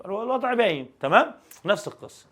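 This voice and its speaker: High-voiced Egyptian Arabic teacher. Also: male voice, fast. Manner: animated and joking, full of rhetorical questions. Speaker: English teacher. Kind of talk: exam review lesson.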